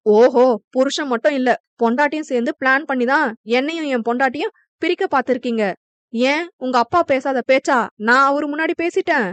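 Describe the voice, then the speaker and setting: Woman doing a cocky young husband, fast mocking comebacks, highish dry voice, audiobook. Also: dry recording, lightly acted. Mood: pleading. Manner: quick, mocking retorts. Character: brash teasing young husband, quarrelsome.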